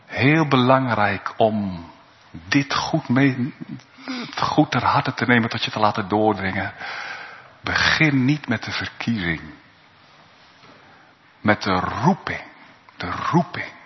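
A male pastor preaching a sermon in a church, slow and earnest, swelling into pleading appeals. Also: lowish voice, expressive. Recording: long reverb, dull sound in a church.

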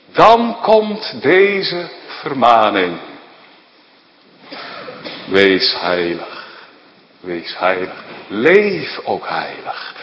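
Man, pastor, sermon, slow deliberate delivery, widely swinging pitch, echoey church hall. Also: highs cut off. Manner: impassioned preaching, swinging between loud rising declarations and low hushed questions.

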